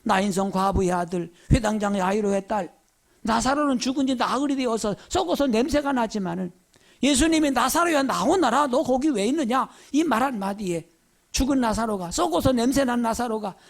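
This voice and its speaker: A man's voice: extremely high pitch, moderate pace, creaky. A man preaching a sermon as pastor, telling stories with many rhetorical questions. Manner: animated storytelling, rhetorical questions.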